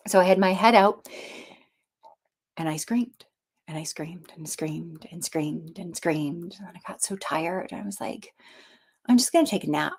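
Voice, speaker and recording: Animated woman telling a personal story. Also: lowish voice, a little slow, long pauses, husky. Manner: animated, acts out voices in quoted dialogue; frequent fillers and restarts.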